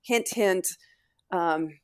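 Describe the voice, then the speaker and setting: A woman's voice: on the low side, drawn-out words, clean tone. A woman, a company founder, talking energetically as a guest on an interview podcast and often restarting her sentences. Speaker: guest, founder and CEO of a financial firm.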